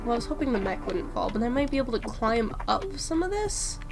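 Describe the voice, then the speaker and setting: A woman's voice: fairly high pitch, very animated, a little fast, over music. A woman giving casual commentary as she plays a video game, chatty, amused and musing aloud. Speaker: let's-play host.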